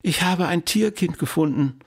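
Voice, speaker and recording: A man's voice: moderate pace, breathy edge. A man reading a storybook aloud and voicing a headstrong little girl in a raised, pleading voice. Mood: eager. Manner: high, pleading, excited.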